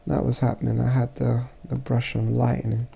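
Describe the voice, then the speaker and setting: A man with a stuffy, congested voice narrating a casual photo-editing tutorial as he works, halting and thinking aloud. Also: mid-range voice, little pitch movement, gravelly, dark tone, slightly rough, highs cut off. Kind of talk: casual software tutorial voice-over.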